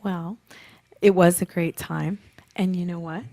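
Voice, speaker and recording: A woman hosting a live radio health show, effusive and quick to laugh. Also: fairly low pitch, fairly even intonation, vocal fry, dark tone, dry recording. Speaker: host.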